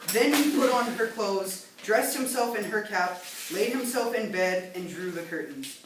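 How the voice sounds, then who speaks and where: A woman narrating a fairy tale aloud in an expressive storytelling manner. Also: mid-range voice, measured pace. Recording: echoey room, mic far off, faint hiss.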